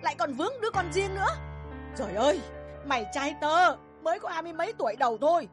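A bossy middle-aged mother in an audio drama, her high voice leaping up and down as she berates her son in fast tirades, a woman acting her out. The scolding never lets up. Faint music plays underneath. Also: very animated. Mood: furious. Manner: shrill, bossy, rapid tirades.

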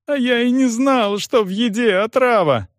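A man voicing a terrified crippled young man who whines and pleads in a high, sobbing voice. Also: moderate pace, no echo, clean studio sound.

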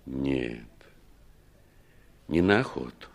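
A rumbling, low, exaggerated voice brings to life a middle-aged former war commander in the manner of 1960s radio drama. Reflective and matter-of-fact, he recounts how he survived, pausing expressively and taking his time.

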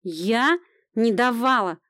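A woman voicing a grumpy, frightened old village woman who fiercely shields her son, snapping back in a defiant, drawn-out voice. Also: fairly high pitch, steady tone, clean tone, dry recording, clean studio sound, voice pushed up, natural voice. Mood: grumbling defiant.

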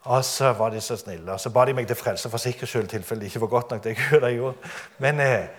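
A man giving a testimony sermon, telling his story dramatically and often laughing. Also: medium pitch.

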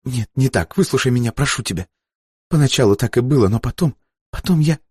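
A man reading an audiobook voices a frightened young woman who confesses in a soft, near-whispered voice and breaks into desperate cries. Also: low voice, steady tone, quick pace, husky, no room sound, clean studio sound. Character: frightened young woman agent, tearful and pleading.

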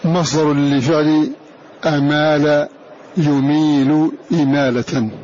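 Male recitation teacher, slightly high voice, slow explanatory lecture, dull recording with faint background hiss. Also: little pitch movement, darkish tone. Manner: deliberate, repeats each term for students. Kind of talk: classroom lecture.

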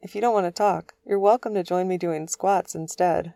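A woman's voice: fairly low pitch, fairly even intonation, moderate pace, gravelly, warm tone, dry recording. A woman voicing an easygoing, practical male starship pilot in a storybook reading, plain and good-natured.

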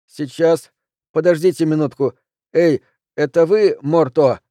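A friendly bartender who speaks in an easygoing, advising tone, voiced by a male audiobook reader. His voice is a touch higher than the narration and recorded dry. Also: unhurried, mellow, dry recording, close to an everyday voice. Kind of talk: audiobook character reading.

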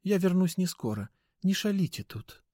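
A calm, commanding female editor speaks slowly in a lifted, lively voice, as a man reads her aloud. The delivery is dry and close, with a measured storybook authority. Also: high-pitched, dry recording, pitched above the performer's own voice. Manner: slow, measured, lightly mysterious. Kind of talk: audiobook character voice.

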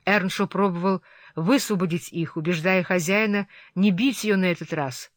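A reader narrating a novel in a steady, measured voice of middling pitch. The recording is dry and close, with no room sound at all. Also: dry recording. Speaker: audiobook reader. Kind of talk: scripted narration.

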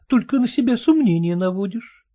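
A man voicing a quarrelsome, pious merchant's wife in a shrill, protesting voice. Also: lively intonation, moderate pace, dark tone. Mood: indignant.

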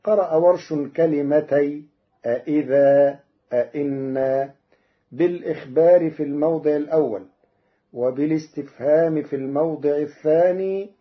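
A man presenting a scripted radio lesson on Quran readings. He speaks in a measured, deliberate way and draws out the verses he quotes. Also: fairly high pitch. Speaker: radio presenter explaining recitation variants. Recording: dull old radio broadcast recording.

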